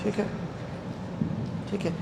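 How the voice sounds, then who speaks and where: A man teaching a classroom lecture, asking his students questions and answering them himself, repeating key words. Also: warm tone. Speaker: Islamic studies teacher. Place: lecture hall. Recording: echoey hall with faint background noise.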